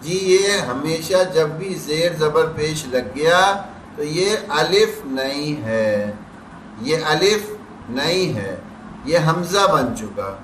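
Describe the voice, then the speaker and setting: Male tajweed teacher, slow syllable drills, faint hiss behind, distant mic. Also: a little high, lively intonation, a bit bright. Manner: drawn-out syllable drills between quick explanations. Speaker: Quran recitation teacher. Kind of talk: tajweed class lesson. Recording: echoey room, distant mic.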